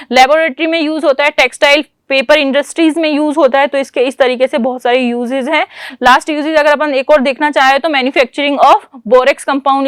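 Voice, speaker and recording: A woman with a high voice walks students through a chemistry exam paper. She explains each step patiently, poses questions and answers them herself, and slips English terms into her Hindi. The sound is dry and close, with no room echo. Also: fairly bright tone. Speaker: chemistry teacher. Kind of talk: exam paper walkthrough lesson.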